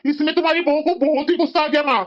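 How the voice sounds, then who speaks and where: A stern young husband in a cartoon who keeps lecturing his wife about family duty, voiced by a woman. The voice sits fairly high for the part, with a scolding, righteous tone. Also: steady tone, racing, highs cut off, natural voice. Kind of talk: Hindi cartoon voice acting.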